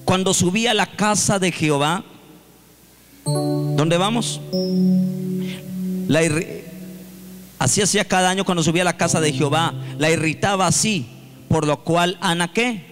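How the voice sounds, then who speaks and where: A man's voice: high-pitched, moderate pace, pauses often, fairly bright tone, soft background music. A man preaching a sermon in a church, reading scripture aloud and rising into sung, pleading prayers. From Colombia. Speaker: pastor.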